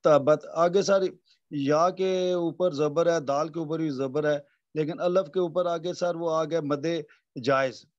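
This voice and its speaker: A man's voice: on the high side, steady tone, highs cut off. A male student in an online tajweed class, explaining hesitantly and deferring often to his teacher.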